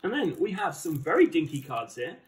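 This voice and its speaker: A man's voice: on the high side, sing-song, fairly quick, a little hiss or hum. A man with an English accent giving chatty, enthusiastic, casual unboxing commentary as a board game channel host. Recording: roomy, distant microphone.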